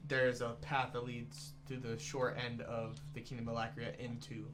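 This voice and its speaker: A man running a tabletop game as game master, hesitant and full of fillers, over loud background music. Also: medium pitch, flat delivery, normal speed.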